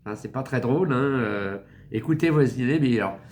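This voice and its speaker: A man's voice: medium pitch, expressive, normal speed, a little mellow. French man in a mocking, rambling monologue. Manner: mocking, rambling and crude, with many fillers. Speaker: satirical commentator. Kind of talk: casual satirical monologue.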